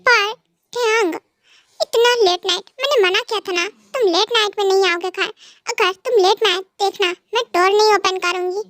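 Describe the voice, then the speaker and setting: Naughty young wife, whiny and sulky, for a fan dub, voiced by a young woman with a very high voice. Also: moderate pace, a bit bright, no echo, studio quality. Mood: pouty. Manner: whiny, pouting.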